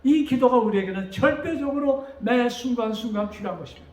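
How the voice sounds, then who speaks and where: A man preaching a sermon as pastor. He asks the congregation questions and rises to loud, dramatic quotes. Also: very high voice, a little fast, reverberant.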